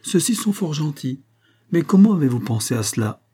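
A man reading the part of a gentle, kindly young invalid wife, speaking softly. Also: a little high, sing-song, normal speed, breathy edge, pitched above the performer's own voice.

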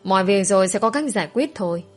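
A woman voicing a caring young man who speaks gently and reassuringly. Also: medium pitch, expressive, quick pace, soft background music, natural voice.

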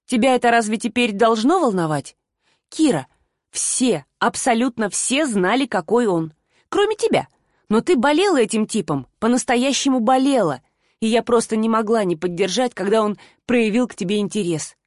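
A woman voicing a feisty, sharp-tongued young woman who fiercely defends her friend, in an audiobook. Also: fairly high pitch, lively intonation, normal speed, no room sound, studio quality, lightly acted. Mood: frank. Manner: bold, brash. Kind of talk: audiobook character voice.

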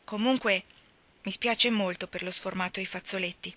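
A woman's voice: mid-range voice, steady tone, moderate pace, pushed and bright, close to an everyday voice. A woman voicing a chatty, imaginative orphan girl who talks eagerly and dramatically. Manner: eager, dramatic, breathless storytelling.

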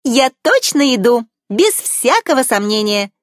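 A woman reading a storybook aloud, voicing a cheerful young mermaid princess in a bright, eager, girlish voice. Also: fairly high pitch, sing-song, normal speed, no echo, studio quality, voice pushed up.

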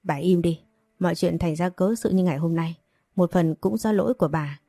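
A furious middle-aged father in an audio story heaps harsh reproach on his family, voiced by a woman reader. The tone is low, mellow and dry. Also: brisk, no echo. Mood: angry scolding. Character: angry middle-aged father, shouting and scolding.

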